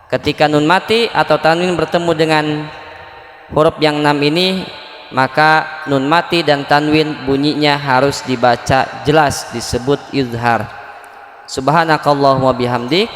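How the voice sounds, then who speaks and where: A man's voice: mid-range voice, fairly bright tone, a little hiss or hum. A man teaching Quran recitation to a neighborhood study group, explaining patiently and asking the class questions. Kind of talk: religious lesson. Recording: echoey hall with faint music.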